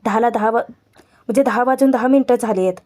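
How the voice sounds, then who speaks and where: A woman's voice: on the high side, fairly quick, a little mellow, close to an everyday voice. A woman voicing an irritable young village man who speaks in an exasperated way.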